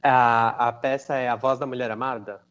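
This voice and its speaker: A man with a Brazilian Portuguese accent hosting a casual interview, telling a story with lively quotes of what others said. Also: medium pitch, moderate pace, clean tone, lo-fi sound. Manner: animated storytelling, quoting others. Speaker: host.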